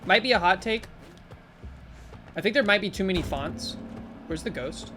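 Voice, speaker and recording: A woman live-streaming, chatting casually with her viewers in a rambling, animated way full of fillers. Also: moderate pace, faint music behind. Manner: animated, with sudden jumps in pitch. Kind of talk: casual live-stream chat while gaming and reading chat.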